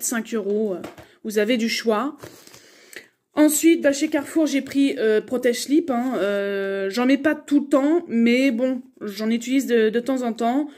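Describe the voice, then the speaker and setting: A woman's voice: a little high, a little mellow. A young adult woman chatting casually through a shopping haul video, rambling with many fillers and restarts. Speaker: vlogger.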